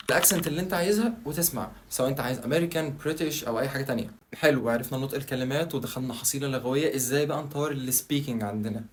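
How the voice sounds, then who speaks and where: A man's voice: mid-range voice, a little hiss or hum. A man with an Egyptian Arabic accent giving a casual tutorial, chatting straight to the viewer and asking himself questions that he then answers. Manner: chatty, addresses the viewer directly. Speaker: language-learning video creator.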